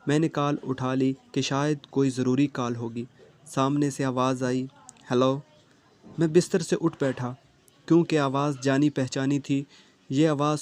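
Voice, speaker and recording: A man narrating an emotional first-person love story with a steady, even delivery. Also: medium pitch.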